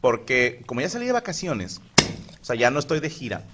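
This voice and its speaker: A Mexican man hosting a comedy podcast, telling stories loudly with crude slang and jokes. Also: mid-range voice, brisk, background noise. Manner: crude, animated, joking slang. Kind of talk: loud comic storytelling.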